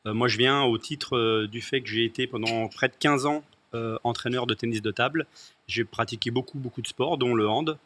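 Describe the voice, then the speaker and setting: A man's voice: mid-range voice, normal speed, a bit bright. A man who is a candidate on a municipal list talks through his ideas. He speaks in a hesitant way, restarting and repeating words as he goes. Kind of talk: political discussion.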